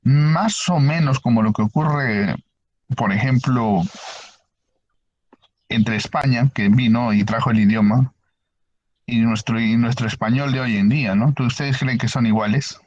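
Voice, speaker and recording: A man's voice: mid-range voice, measured pace, a little mellow, dry recording, highs cut off. A male teacher explaining ideas to a class and asking them questions as he goes. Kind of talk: online university lecture.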